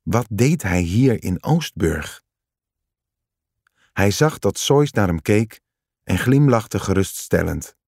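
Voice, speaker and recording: A man reading a story aloud in calm, measured scripted narration. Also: fairly low pitch, gravelly, no echo, clean studio sound.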